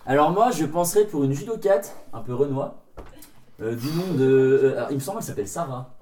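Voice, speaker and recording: A man's voice: a little high, animated, fast, a little mellow. A man playing in a casual quiz with friends, joking and hedging his guesses with fillers. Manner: jokey, hesitant guesses with fillers. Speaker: quiz contestant. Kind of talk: casual banter. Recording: roomy sound from a distance.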